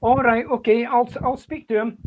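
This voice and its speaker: A man chatting casually in a hesitant, halting way. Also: very high voice, little pitch movement, a little hiss or hum. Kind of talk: casual chat. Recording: thin phone-like internet call.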